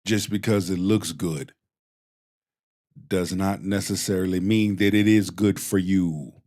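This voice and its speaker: This stream host has a deep, steady, slightly mellow voice and a Jamaican accent. He comments on clips in a slow, sermon-like way, blunt and profane.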